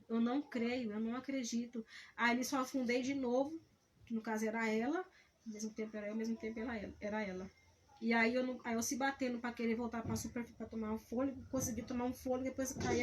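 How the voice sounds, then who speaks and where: A fairly high-voiced woman tells of a vision, earnest and halting, stumbling and repeating her words as she goes. Faint noise hums behind her. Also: little pitch movement. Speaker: missionary. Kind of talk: testimony of a vision.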